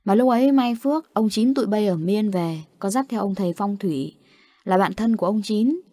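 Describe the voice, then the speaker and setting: A woman's voice: medium pitch, lively intonation, a little fast, mellow, dry recording, natural voice. A stern old grandfather who lectures his grandchildren with grave weight, as a woman reads him in a storybook. The voice sits in a middle register and sounds close and dry, with no room around it. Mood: solemn. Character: stern grieving old grandfather, village elder.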